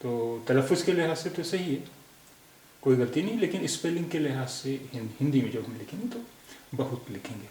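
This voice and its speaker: A man from India teaching a language lesson, patiently going over spelling corrections and repeating each word with many pauses. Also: mid-range voice, animated, darkish tone, echoey room, slight background noise.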